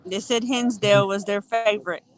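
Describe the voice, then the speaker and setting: A woman from Tennessee with a Southern accent, chatting excitedly and laughing as a podcast guest. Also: medium pitch, normal speed. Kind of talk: casual chat.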